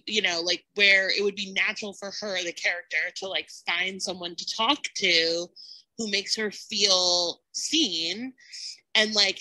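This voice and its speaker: A woman with a mid-range, bright voice and a forceful tone gushes and rambles through casual podcast talk about a TV show, leaning heavily on "like." The audio quality is poor.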